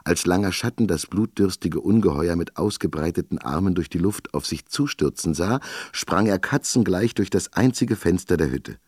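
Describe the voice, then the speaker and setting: A man narrating a children's story in an expressive, lively reading voice. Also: low voice, normal speed, breathy edge, no room sound, clean studio sound.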